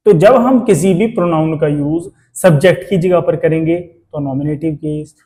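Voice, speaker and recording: A man teaching an English grammar lecture in Hindi, asking the class rhetorical questions and reading English phrases out slowly. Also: fairly high pitch, mellow.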